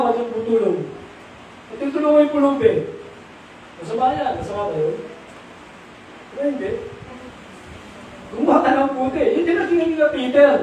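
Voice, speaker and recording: Man, preacher, very high voice, sermon with questions to the crowd, distant mic, booming echo, faint background noise. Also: a little mellow. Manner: mixes English into Tagalog, asks the audience rhetorical questions. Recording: echoey room from far off, faint noise.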